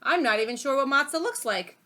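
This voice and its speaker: A big, naive, friendly bird character from a children's storybook, voiced by a woman. The voice is fairly high and bright, with a helpful, childlike simplicity. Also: lively intonation, brisk. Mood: puzzled.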